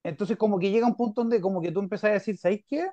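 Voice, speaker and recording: A man's voice: high voice, racing, no room sound. A young adult man with a Chilean Spanish accent, hosting a podcast over a video call, talking casually in long rambling runs full of fillers. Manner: rambling, filler-heavy, animated. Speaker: podcast host. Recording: dull, dry lo-fi audio.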